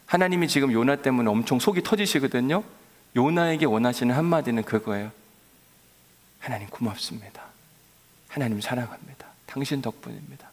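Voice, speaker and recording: Male pastor, gravelly, sermon in a reverberant sanctuary, coaxing tone. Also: a little high. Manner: coaxing, addresses congregation directly. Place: church sanctuary. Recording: long church hall reverb.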